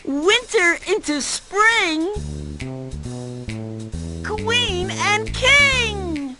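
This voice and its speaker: A man's voice: very high-pitched, lively intonation, very slow, over loud music, full character voice. A man voicing a cheerful, eager talking map who guides players with chanting, instructive enthusiasm in a children's cartoon game. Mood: cheerful instructing.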